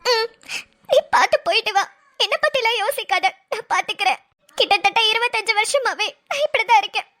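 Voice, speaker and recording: A woman's voice: very high voice, a little fast, pushed and bright. A woman voicing an emotional young woman who longs for her lost brother, speaking earnestly and pleadingly in a cartoon. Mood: tearful. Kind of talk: cartoon voice acting.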